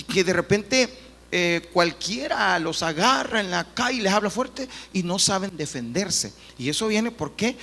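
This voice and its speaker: Husky, animated pastor preaching. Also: male voice, high-pitched. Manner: animated, earnest preaching with acted quotes. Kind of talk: sermon. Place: church hall. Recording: reverberant church hall.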